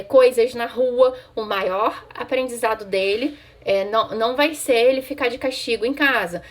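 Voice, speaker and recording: A woman, a child psychologist giving parents conversational advice and often checking in with "tá?". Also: a little high. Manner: conversational, frequent "tá?" check-ins; answers viewer questions directly.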